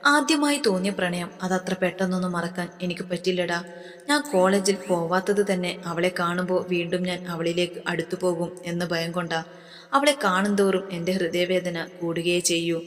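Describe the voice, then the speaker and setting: A woman's voice: on the low side, fairly even intonation, normal speed, a bit bright, close to an everyday voice. A woman voicing a grieving young man who speaks in a faltering way, in a storybook reading. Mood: sorrowful. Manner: faltering, sorrowful. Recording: long reverb.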